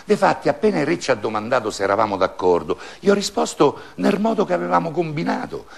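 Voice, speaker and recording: A man recites a verse fable, his pitch rising and falling widely as he tells the story. His voice has a gravelly edge, and he moves freely between quiet asides and bright, lifted lines. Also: fast. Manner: storytelling recitation with lively swings of tone. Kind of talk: recited dialect poem.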